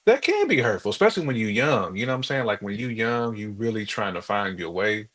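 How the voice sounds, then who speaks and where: Quick and very animated, this lowish, slightly bright male voice belongs to an American podcast co-host. He trades opinions in relaxed, slang-heavy chatter.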